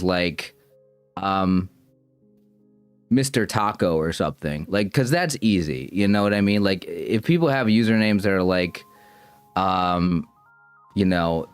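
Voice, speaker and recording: His voice is on the low side, clear and resonant, recorded with no echo. The young man is casually chatting with his stream viewers, rambling self-consciously and repeatedly stumbling and restarting sentences.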